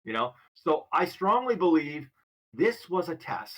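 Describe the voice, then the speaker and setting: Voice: mid-range voice, very animated, a little slow, husky. A podcast co-host giving blunt, emphatic opinions in casual chat.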